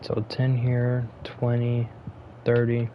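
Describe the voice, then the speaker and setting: Gamer guy talking slow while he plays, mumbly thinking out loud, dull lo-fi mic. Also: mid-range voice, completely flat delivery, noisy background. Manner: muttering, thinking aloud. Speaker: gaming streamer. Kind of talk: casual gameplay commentary.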